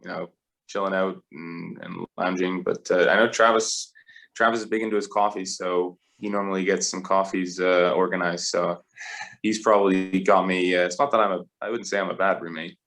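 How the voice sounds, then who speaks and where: Young guy with a really low voice, laid back rugby chat, lots of uhs. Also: fairly even intonation, moderate pace, gravelly, a bit bright. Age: 20s. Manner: easygoing, rambling with frequent fillers. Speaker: rugby player guest. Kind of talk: casual interview chat.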